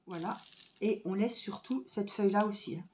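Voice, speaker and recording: A woman's voice: mid-range voice, normal speed, darkish tone. A woman in the middle of her register chats with viewers while she works at a craft table at home. She thinks aloud with plenty of fillers and recorded her voice on a phone camera. A faint background hiss runs under her speech. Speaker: crafts vlogger. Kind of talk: casual tutorial chat while crafting. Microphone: phone camera on a stand.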